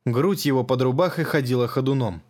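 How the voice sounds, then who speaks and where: A male narrator reads an audiobook at a measured, even pace. His voice is mid-pitched and steady, and his delivery stays controlled throughout. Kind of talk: scripted narration.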